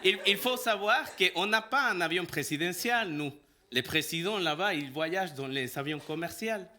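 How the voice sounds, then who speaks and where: A man preaches in French, his voice high and very bright. He tells a personal story and acts out every bit of dialogue. His pitch leaps up and down as he laughs his way through it. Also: lively intonation, moderate pace, a little hiss or hum. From El Salvador.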